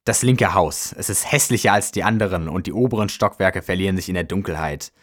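A man voicing a cold, curt male killer in a dark spoken story. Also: deep voice, a little fast, no echo, studio quality.

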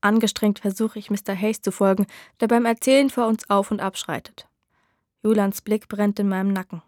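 A woman narrating a novel in the first person with a steady storytelling delivery. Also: mid-range voice, normal speed, no echo, clean studio sound. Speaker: audiobook narrator.

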